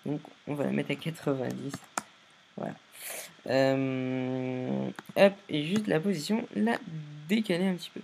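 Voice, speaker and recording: A tired man casually narrating a software tutorial, giving step-by-step instructions with many fillers and restarts. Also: mid-range voice, a little slow, vocal fry, pauses often, slight background noise. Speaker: video editing tutorial maker.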